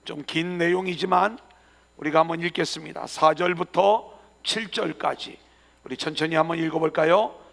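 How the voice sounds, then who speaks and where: A man's voice: fairly high pitch, fairly even intonation, moderate pace, creaky, fairly bright tone. A male pastor preaching a sermon in a church, earnestly, with emphatic rising phrases. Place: church sanctuary. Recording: long reverb of a church hall.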